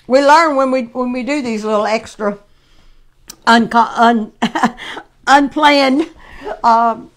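A woman walks through a recipe in her home kitchen. Her voice sits a little high, and her talk is chatty and halting, full of restarts. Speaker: cooking show host. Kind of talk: casual home-kitchen demonstration.

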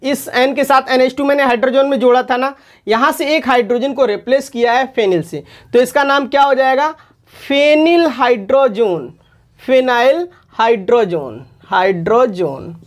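A woman's voice: high voice, fairly quick. A woman chemistry teacher giving an online lesson, calling her students children and repeating each term for emphasis.

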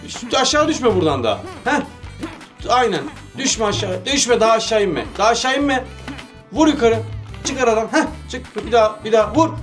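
Guy with a high-ish voice doing casual game commentary, playful, keeps yelling quick commands, loud game music under it. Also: animated. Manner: eager coaching, rapid cheering commands; playful, laughs often. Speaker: gaming channel host. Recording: game music playing loudly behind.

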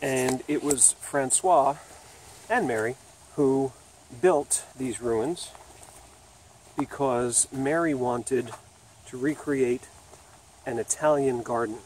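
A man in his thirties talks into a handheld camera on a wooded riverside trail. He is chatty and loose, thinking aloud with fillers and restarts, at a middling pitch, with faint open-air sound behind him. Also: a little mellow, slight background noise. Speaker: video host exploring ruins. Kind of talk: casual walking vlog narration. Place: outdoor woodland trail by a river. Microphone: camera held at arm's length.

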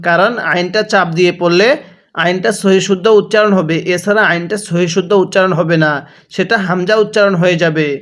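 Casting: high-pitched Bangladeshi man, patient Quran reading teacher, slow spelled-out recitation drills. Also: fairly even intonation, a bit bright. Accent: Bangladeshi Bengali. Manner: slow, drawn-out spelling of syllables, repeating each word for the learner.

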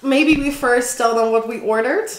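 A woman's voice: fairly high pitch, moderate pace, a little hiss or hum. A woman in her twenties, a native Dutch speaker, chatting casually with her sister while eating, giggly. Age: 20s. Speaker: vlogger. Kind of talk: casual mukbang chat. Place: home room with family. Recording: echoey room.

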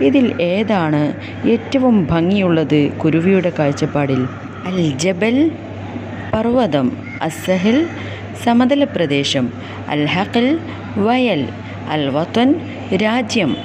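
Slow teacher translating text line by line. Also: mid-range voice, animated, background noise. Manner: reads text lines, then translates phrase by phrase. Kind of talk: online class explaining a textbook lesson.

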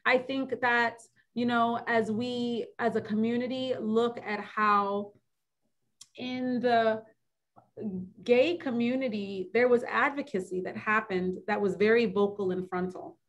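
A woman physician, the guest in a webinar interview, speaking earnestly and reflectively with frequent pauses and restarts. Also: fairly high pitch, steady tone, highs cut off.

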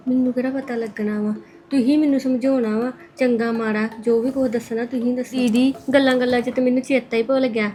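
A woman's voice: a little high, darkish tone, close to an everyday voice. A woman playing a sweet, naive new bride who politely asks to be guided. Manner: polite, eager.

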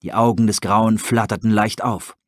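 A man reading an audiobook aloud in measured, steady storybook narration. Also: lowish voice, dry recording, clean studio sound. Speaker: audiobook reader.

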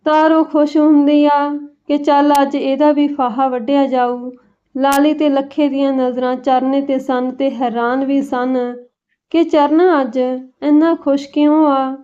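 High-voiced woman telling a village story. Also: measured pace. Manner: steady, emotive reading. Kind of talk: storybook narration. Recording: dull lo-fi recording.

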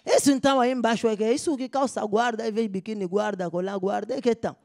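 A comedian playing an uneducated, blunt older father with an Angolan Portuguese accent, speaking loudly and insistently. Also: medium pitch, steady tone, fast, lightly acted. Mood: fumbling. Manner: shouting, raised and insistent. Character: uneducated older man from the provinces, blunt and loud. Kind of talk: stand-up comedy character voice.

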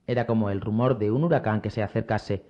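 A man narrating an adventure novel as an audiobook reader, with expressive storytelling delivery. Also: on the low side, fast, muffled recording. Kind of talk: scripted narration.

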